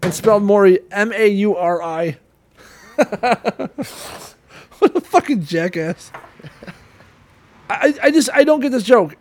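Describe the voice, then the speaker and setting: A man with a notably high voice tears into a script in casual chat. He swears constantly, mocks it with animated outbursts, and stumbles over quick restarts. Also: a little hiss or hum.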